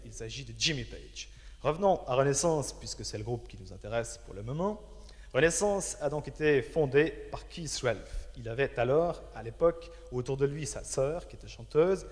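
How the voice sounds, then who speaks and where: A man in his thirties presents a music programme in French with measured, formal phrasing. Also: medium pitch. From Switzerland. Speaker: television music show host. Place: television studio with band instruments. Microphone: handheld microphone. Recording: reverberant vintage television studio.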